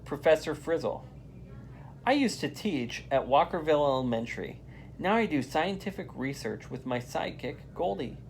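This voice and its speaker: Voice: medium pitch, creaky. A reader acting out a cheerful woman professor in a children's storybook, always ready for adventure. The intonation is bouncy, with faint noise behind.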